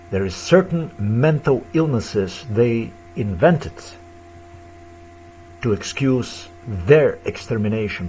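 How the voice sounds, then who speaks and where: Agitated man in his fifties, ranting slowly. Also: fairly low pitch, a little mellow, a little hiss or hum. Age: 50s. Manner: agitated, repetitive, accusatory; broken non-native English grammar. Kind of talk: ranting monologue to camera.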